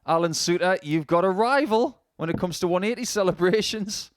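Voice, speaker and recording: Guy with a slightly high voice doing chatty darts commentary, wry and jokey, super dry close sound. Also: fairly quick, no room sound. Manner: wry, anecdotal banter. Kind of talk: chatty, joking sports commentary.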